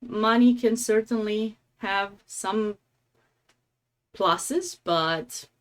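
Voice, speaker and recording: A streamer from Romania, with a low-ish voice and a Romanian accent, gives casual, chatty live commentary on a game, dropping in affectionate asides.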